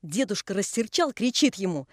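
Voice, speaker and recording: Женщина, играющая старого ворчливого плотника. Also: female voice, medium pitch, very animated, moderate pace, no echo, clean studio sound. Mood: reminiscing. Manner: folksy, chiding. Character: pious old male carpenter, scolding, storytelling.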